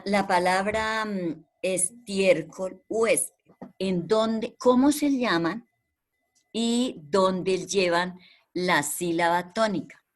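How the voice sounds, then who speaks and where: A woman teaching a primary school class over a video call. She speaks patiently and repeats the key terms so her pupils remember them. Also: mid-range voice.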